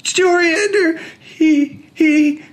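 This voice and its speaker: A man's voice: extremely high pitch, drawn-out words, voice pushed up, full character voice. A man voicing a bratty young boy who screams and whines demands. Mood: sobbing. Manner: screaming, whiny.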